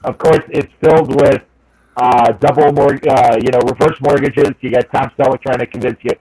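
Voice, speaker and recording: A man's voice: mid-range voice, steady tone, normal speed, a little mellow. A man co-hosting a podcast remotely, his voice coming through a crackly, staticky call connection as he rambles with jokey asides. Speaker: podcast co-host. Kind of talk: casual chat. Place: home, joining remotely by video call. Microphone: earpiece headset on a remote call.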